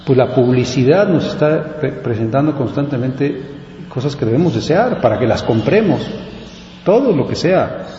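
A man leading prayer and a spoken meditation in a reflective way, often pausing on filler words. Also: medium pitch, mellow. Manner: reflective, frequent "pues" fillers. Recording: dull echoey hall with faint hiss.

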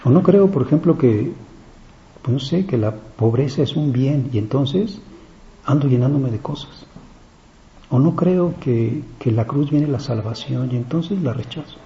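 A priest giving a reflective, conversational meditation on a gospel reading, pausing often and speaking in a gentle, searching way. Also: male voice, medium pitch. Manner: reflective, conversational preaching with many pauses and fillers. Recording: slightly dull, faint background noise.

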